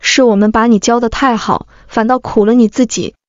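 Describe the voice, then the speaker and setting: A gentle, grieving middle-aged mother, voiced by a woman narrator talks softly and tenderly. Her voice sits slightly high. The recording is dry and a bit dull. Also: fairly even intonation, a little fast, dry recording, close to an everyday voice. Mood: tender sorrow.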